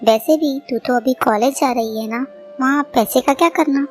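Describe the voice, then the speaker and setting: A soft-spoken cartoon mother bird, middle-aged, sad and pleading, as a woman voices her. The voice is fairly high, with quiet music underneath. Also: moderate pace, lightly acted. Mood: gentle.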